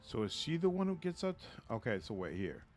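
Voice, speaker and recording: A man's voice: mid-range voice, wildly swooping pitch, brisk, faint music behind. A man streaming a video game, giving casual live commentary, thinking aloud and often trailing off.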